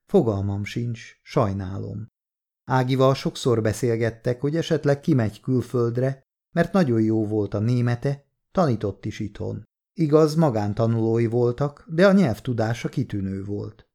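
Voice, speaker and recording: A man's warm, medium-pitched natural voice, touched with vocal fry, carries the audiobook role of a gossipy older woman who is a mother. Chatty and rambling, she moves from boastfulness to wariness.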